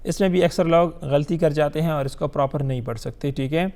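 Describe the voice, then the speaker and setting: A man teaching Quran recitation. He draws out each Arabic letter slowly, then explains quickly, asks the viewer questions and answers them himself. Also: a little high, steady tone, a little mellow.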